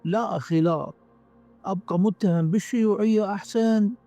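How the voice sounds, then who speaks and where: A man's voice: high-pitched, normal speed, mellow, no echo, faint music behind, pitched above the performer's own voice. A man reading the part of a frightened young male soldier, pleading and swearing oaths in an Iraqi accent. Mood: anxious. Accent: Iraqi Arabic. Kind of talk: dramatic story reading.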